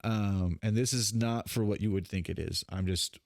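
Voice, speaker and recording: Young male game master, low voice, dry close sound, rambling delivery. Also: fairly even intonation, normal speed, vocal fry, a little mellow, dry recording. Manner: rambling, hesitant, lots of fillers. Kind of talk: narrating a tabletop game.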